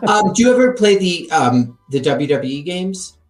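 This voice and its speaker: A man's voice: high voice, big pitch swings, normal speed, reverberant. A man hosting an interview, asking curious, chatty questions with plenty of fillers. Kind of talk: casual interview chat.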